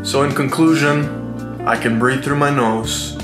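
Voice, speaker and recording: With music playing, a vlogger in his thirties speaks a little slowly in a mid-range voice, musing in a relaxed, chatty monologue full of slangy asides.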